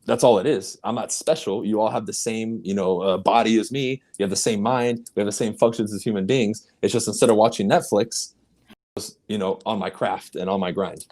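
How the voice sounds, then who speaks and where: In this motivational podcast interview, the guest is a real estate coach speaking English, his first language being Spanish. Though his manner is emphatic and punchy with sweeping pitch jumps, his darkish voice keeps fairly even intonation at a fairly quick pace.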